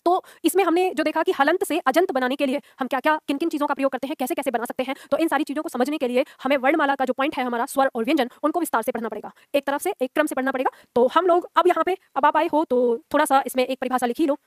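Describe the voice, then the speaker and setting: A woman's voice: sits high, rapid-fire, hardly any pauses, no echo, clean studio sound. A woman teaching a grammar lesson, explaining step by step and often checking whether her students follow. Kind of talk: classroom lecture.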